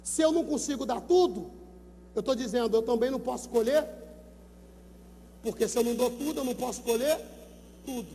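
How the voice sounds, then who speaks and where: Pastor with a Brazilian accent, very high-pitched, preaching emphatically into a handheld mic in a gymnasium with long reverb. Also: male voice, a little fast, pauses often, slight background noise. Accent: Brazilian Portuguese. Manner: emphatic preaching, repeats numbers, urges listeners to shout. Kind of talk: sermon at a youth event. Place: large gymnasium. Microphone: handheld microphone.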